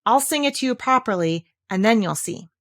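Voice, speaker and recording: Reading aloud from a storybook, a woman gives voice to a kindly toy bear of very little brain, a male character who sounds simple and somewhat confused. His pitch is fairly high yet close to an everyday voice, and he talks slowly and earnestly with a bouncy, swinging lilt.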